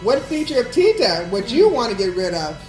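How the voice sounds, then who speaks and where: A woman with a slightly high voice hosts a casual game, prompting and questioning contestants. The room is very echoey and music plays behind her. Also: big pitch swings, a little fast, a little mellow. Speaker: host quizzing contestants.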